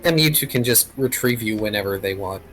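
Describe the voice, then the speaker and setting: A man's voice: on the low side, lively intonation, fairly quick, fairly bright tone, soft background music. A man running a tabletop role-playing game, narrating and chatting casually as game master.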